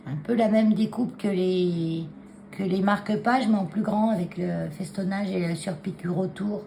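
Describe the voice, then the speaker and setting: A woman's voice: mid-range voice, normal speed, creaky, warm tone, a little hiss or hum. A woman chatting to her phone camera at her desk, showing handmade cards, hesitant with many fillers and restarts. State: clearing a frog in her throat. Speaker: craft vlogger showing cards. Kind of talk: casual chat to camera. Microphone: phone camera on a taped stand.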